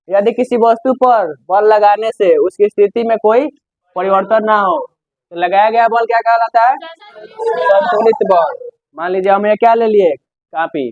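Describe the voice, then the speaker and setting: A man's voice: sits high, no echo. A male teacher giving a physics lesson, asking questions and answering them himself. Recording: tinny narrow-band dry sound.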